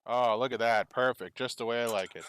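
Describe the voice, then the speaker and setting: A man's voice: medium pitch, steady tone, fast, a bit bright, slight background noise. A man hosting a casual cooking vlog at his backyard grill, chatting through each step as he cooks. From United States. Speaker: host.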